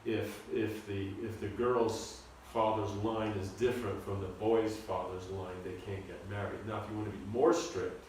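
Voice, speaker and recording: A man teaching a seminar on scripture, talking in a halting, informal way and often repeating his words. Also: lowish voice, flat delivery, a little mellow, slight background noise. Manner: halting, repeats words, asks the audience to follow. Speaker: spiritual teacher giving a seminar lecture. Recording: echoey room, recorded from a distance.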